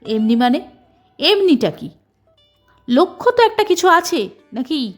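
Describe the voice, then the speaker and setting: A woman voicing a suspicious older wife who questions her husband with sharp, accusing retorts in a storybook reading. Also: sits high, sing-song, unhurried, faint music behind, voice pushed up.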